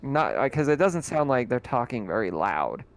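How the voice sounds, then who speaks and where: As game master of a tabletop roleplaying game, a man describes scenes in a relaxed way, using plenty of fillers. His pitch is medium and his speed normal.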